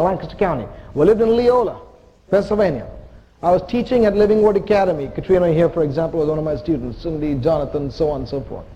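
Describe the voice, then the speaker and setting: The recording is muffled: a high-pitched, dark-toned male voice belonging to a visiting missionary preacher from India. He preaches to a church congregation in the sanctuary, emphatic and sincere, breaking in with jokes now and then.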